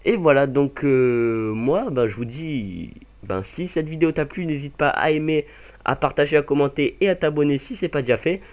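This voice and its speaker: A man's voice: on the high side, expressive, normal speed, darkish tone. A young man casually commenting over a game mod demo, rambling with many fillers and self-corrections. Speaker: gaming channel host.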